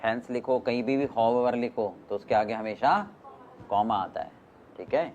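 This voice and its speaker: A man's voice: medium pitch, fairly even intonation, measured pace, a little mellow, dull audio, a little hiss or hum. A man teaching a class, mixing Hindi and English, often stopping to question his students. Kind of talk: classroom lecture.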